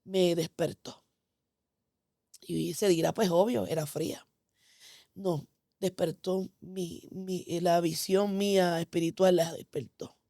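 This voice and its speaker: A woman's voice: on the low side, fairly even intonation, slow, pauses often, dark tone, no echo, clean studio sound. Candid woman sharing her testimony. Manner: candid, emotional storytelling with many "este" fillers. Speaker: guest giving testimony. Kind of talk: conversational testimony.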